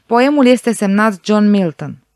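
A woman's voice: mid-range voice, animated, darkish tone, dry recording, clean studio sound, close to an everyday voice. A woman voicing a young female scientist who speaks bluntly and matter-of-factly.

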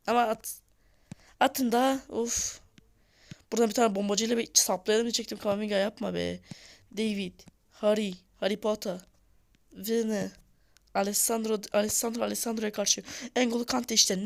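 An excitable woman yells during a mobile football game, giving casual live commentary while scolding and urging on her players. Her mid-range voice is creaky and sounds off and hoarse.

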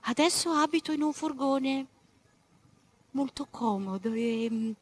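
Woman as a polite letter-writing rabbit, soft and hushed, storybook reading. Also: sits high, unhurried, slight background noise, voice pushed up. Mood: confiding.

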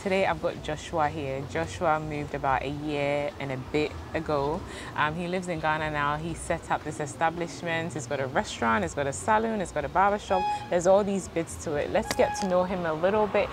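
A woman's voice: low-pitched, moderate pace, noisy background. A young woman hosting her channel, introducing and interviewing a guest outdoors on a lapel mic in an upbeat presenter manner. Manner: upbeat presenter, brief encouraging backchannels. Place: outdoors on a patio sofa.

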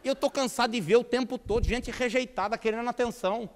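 A pastor from Brazil with a São Paulo state accent, preaching a lively, humorous sermon and acting out the people he talks about. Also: extremely high pitch, fast, big-room sound. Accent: Brazilian Portuguese, São Paulo state. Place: church hall.

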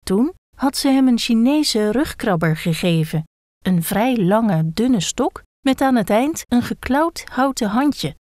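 A woman calmly reading a children's book aloud. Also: on the high side, slow pace, no room sound, clean studio sound. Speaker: reader.

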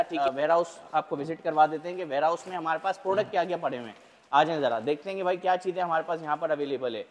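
High-voiced young man pitching products. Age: young adult. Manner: brisk salesy patter, keeps adding "theek hai". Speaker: business vlogger. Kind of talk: walk-through product pitch. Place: large indoor warehouse. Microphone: lapel mic.

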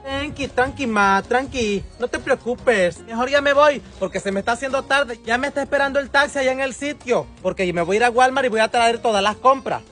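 Comedy role: affected young woman, as a man puts her on, slow drawl, lower than usual, soft music behind. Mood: dismissive. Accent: put-on Mexico City slang. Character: young village woman back from the capital, snobbish. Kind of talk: comedy sketch acting.

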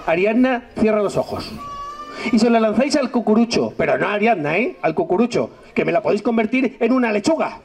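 A man's voice: high-pitched, expressive, a little fast, creaky, a little mellow. A man working as a children's magician and entertainer, talking with playful, teasing patter and exaggerated exclamations. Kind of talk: lively show patter with children. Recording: outdoor event with crowd of children. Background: crowd of children.

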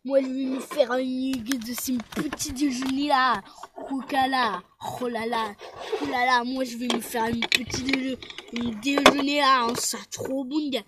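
High-voiced woman improvising a toy-figure play. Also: fairly even intonation, unhurried. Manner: rambling, with many hesitations. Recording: noisy home recording.

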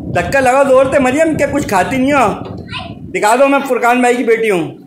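A man's voice: very high-pitched, lively intonation, a little fast, noisy background. A man filming a casual family vlog at home, teasing and coaxing children in a playful way. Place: home indoors.

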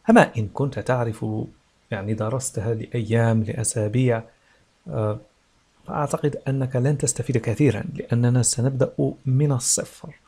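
Male language teacher, husky middle-pitched voice, patient drilling of English phrases for beginners. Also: warm tone. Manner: explains in Arabic, repeats English phrases slowly for learners.

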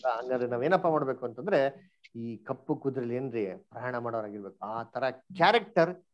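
A man's voice: mid-range voice, lively intonation, moderate pace, highs cut off, a little hiss or hum. A man teaching an online Bible study class, quizzing the group and mixing English words into his speech.

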